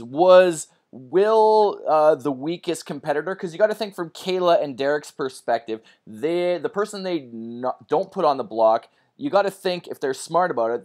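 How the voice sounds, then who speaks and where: A man's voice: medium pitch, a little mellow. Rambling man hosting a casual chat. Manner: rambling, restarts his questions, tangles himself up. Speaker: host.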